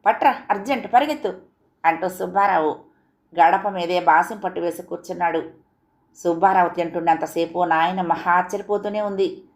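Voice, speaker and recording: A woman narrates a village love story in the manner of an audiobook. Her reading is lively and expressive. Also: fairly low pitch, moderate pace.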